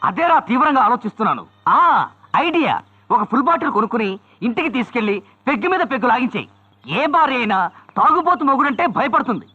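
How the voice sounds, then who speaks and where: A man's voice: extremely high pitch, sing-song, quick pace, sharp tone, breathy edge, heavily acted. A man playing the hero's joking friend, with teasing quips and mock-solemn speeches. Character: wisecracking male friend, mock-dramatic jester. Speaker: comic friend of the hero. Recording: slightly dull film soundtrack.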